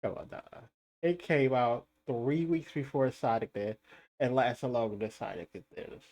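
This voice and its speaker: Going over box office numbers on a live stream, this speaker is argumentative and insistent, hammering the same points, posing rhetorical questions to doubters and laughing at critics mockingly. Their middle-pitched voice is expressive, normal in speed and darkish in tone.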